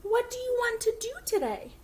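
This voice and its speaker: A woman's voice: extremely high pitch, very animated, fairly quick, pitched above the performer's own voice. A woman voicing a cheerful, caring little pig in a picture book read-aloud. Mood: eager.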